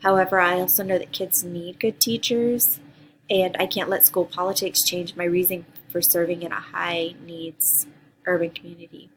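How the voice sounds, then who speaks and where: A teacher from Costa Rica, a woman in her thirties, gives a partly read, earnest introduction video for a graduate course, with some ums as she reads her prepared answers. She speaks at a moderate pace in a fairly low voice with little pitch movement, and the low-quality audio has slight background noise.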